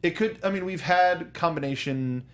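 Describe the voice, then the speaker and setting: A man hosts a casual talk show about films and video games, explaining things with asides and acting out imagined lines. His voice leans high and a bit bright, at a normal speed.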